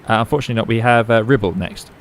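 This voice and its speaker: A man, an airline pilot, reading back air traffic control instructions over his headset in brisk, apologetic radio phraseology. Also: fairly low pitch. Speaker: airline pilot streaming a flight simulator.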